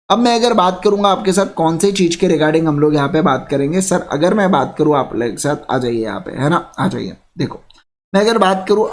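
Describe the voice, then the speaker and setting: Male tutor, fairly high voice, energetic call-and-response lecturing, slight room hiss. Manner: lively, repeats phrases, urges students to answer quickly. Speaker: online exam tutor.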